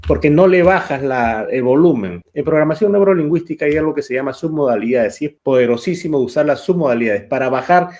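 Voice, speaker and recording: A man's voice: a little high, animated, quick pace, hardly any pauses, darkish tone. Emphatic male coach repeating key words. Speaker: neuro-coach co-host. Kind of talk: motivational live talk. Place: live online session.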